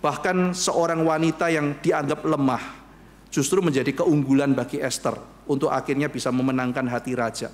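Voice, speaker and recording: A man preaching a sermon as pastor, animated and acting out bits of dialogue as he addresses the congregation. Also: fairly high pitch, normal speed. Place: church.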